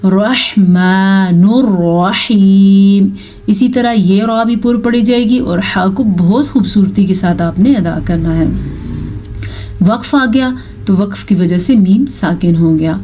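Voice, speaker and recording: Female tajweed teacher, warm low-key tone, chants slowly then explains briskly. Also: muffled recording, a little hiss or hum. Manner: alternates slow drawn-out chanted recitation with brisk spoken explanation. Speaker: Quran recitation teacher. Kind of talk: tajweed lesson, explaining and demonstrating recitation.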